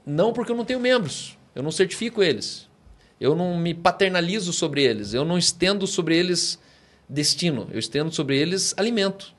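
Emphatic Brazilian pastor, higher-pitched man. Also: lively intonation, fairly quick, a bit bright. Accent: Brazilian Portuguese. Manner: emphatic, teaching with rhetorical questions. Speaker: pastor, podcast guest. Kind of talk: conversational preaching.

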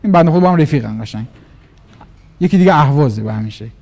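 A man giving an animated motivational business talk, acting out little dialogues in different voices. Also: fairly high pitch, creaky. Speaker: business trainer.

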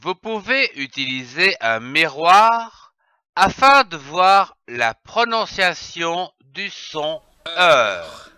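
A man teaching young children to read, spelling out letters one by one and repeating each syllable slowly. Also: a little high, sharp tone, clean tone, no echo, studio quality. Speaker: reading teacher. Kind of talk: slow, deliberate reading lesson for young children.

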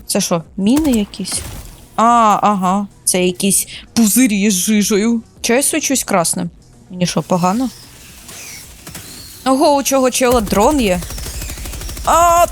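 A woman streamer chatting casually while playing a shooter for the first time, excitable, squealing and laughing at surprises. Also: medium pitch. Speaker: gaming streamer. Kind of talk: casual let's-play commentary.

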